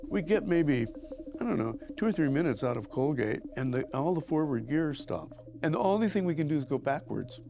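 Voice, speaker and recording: A man's voice: on the high side, expressive, brisk, gravelly, over music. An older man telling stories from his past in an interview, rambling and restarting often. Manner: rambling, with many restarts and acted quotes. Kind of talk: anecdotal storytelling.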